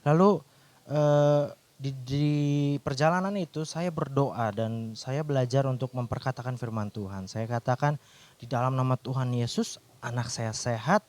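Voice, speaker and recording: A man's voice: medium pitch, moderate pace, darkish tone. A man, a doctor, telling a personal faith testimony in an earnest storytelling way, with restarts.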